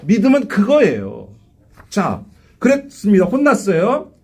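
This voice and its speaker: A male pastor delivers a live Sunday sermon in a church, with a high voice whose pitch rises and falls widely. He keeps asking the congregation questions and acts out the quotes in his stories. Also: huge pitch swings, a little slow, a little mellow. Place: church sanctuary.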